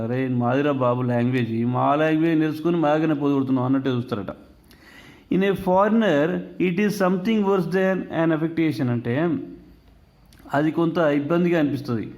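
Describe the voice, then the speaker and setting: A man teaching a lesson on an English text, explaining in another language mixed with English words and reading English quotations slowly. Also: fairly high pitch, a little mellow.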